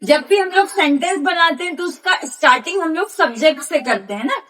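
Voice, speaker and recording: High-voiced woman teaching grammar, patient. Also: expressive, fairly bright tone. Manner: patient, repetitive explaining with slow spelled-out examples. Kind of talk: classroom grammar lesson.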